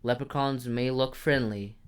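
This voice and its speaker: A young man co-hosting a casual podcast, reading folklore notes haltingly and joking with friends. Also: medium pitch, steady tone, clean tone. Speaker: podcast co-host.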